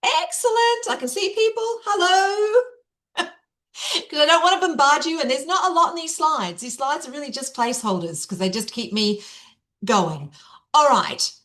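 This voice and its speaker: Woman, middle-aged, fairly high voice, upbeat keynote presenter on a video call, talks right to the audience. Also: expressive, moderate pace, sharp tone. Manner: chatty, upbeat, addresses the audience directly. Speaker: keynote speaker. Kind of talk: interactive online workshop presentation.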